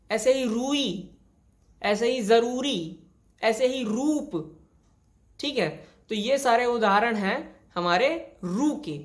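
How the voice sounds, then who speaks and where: A woman teaching a classroom grammar lesson. She lays out each rule slowly and repeats it with one example after another, in a voice of medium pitch. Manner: explains step by step with many examples and repeats rules. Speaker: Hindi teacher.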